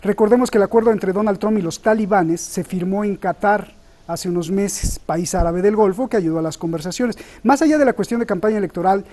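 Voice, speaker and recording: Guy hosting a talk show, fairly high voice but mellow, polite, asks long questions. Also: brisk. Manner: courteous, thanks guests warmly before posing long questions. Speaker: host.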